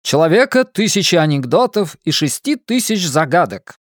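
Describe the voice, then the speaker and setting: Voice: mid-range voice, sing-song, moderate pace, no room sound, clean studio sound, pitched above the performer's own voice, close to an everyday voice. A reader voicing a clowning boy who slips into a mock announcer voice and a swaggering tough-guy act. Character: clowning boy, loud show-off joker.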